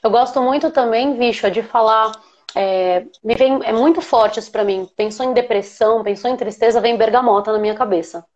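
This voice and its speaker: A woman with a Brazilian Portuguese accent, an aromatherapist hosting a live chat, talking in an animated, emotional way. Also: on the high side, a little fast, lo-fi sound. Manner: animated, emotional, laughs while telling. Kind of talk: casual live chat storytelling.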